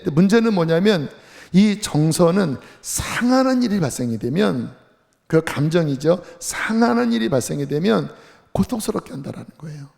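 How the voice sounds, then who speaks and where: A man's voice: high voice, creaky, long reverb tail. A man preaching a sermon as pastor, impassioned and emotional, in a church sanctuary. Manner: impassioned, voicing anguished outbursts.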